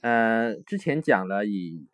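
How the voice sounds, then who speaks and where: A man teaching a recorded language lesson, explaining step by step with frequent hesitations and slowly repeating words to spell out forms. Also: fairly low pitch, sing-song, a bit bright, dry recording.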